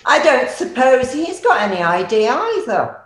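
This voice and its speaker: A woman playing an officious quarantine official in a pantomime, with theatrical, drawn-out delivery. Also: high voice, big pitch swings, roomy sound. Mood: challenging. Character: officious female quarantine official stopping travellers. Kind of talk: pantomime acting.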